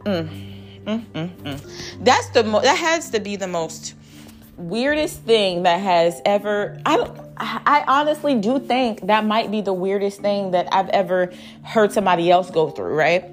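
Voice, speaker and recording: A woman telling a wild story in a casual vlog, animated and profane, laughing as she goes. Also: mid-range voice, normal speed, faint music behind.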